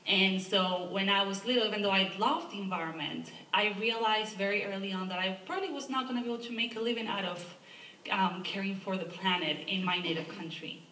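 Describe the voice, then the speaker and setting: An Argentine woman with an Argentine Spanish accent, an environmental advocacy director on a panel, makes an earnest statement about her advocacy work, often adding a rhetorical "right?" Her medium-pitched voice is a little fast and sharp, recorded with a distant mic in an echoey museum lecture hall with a little hiss or hum.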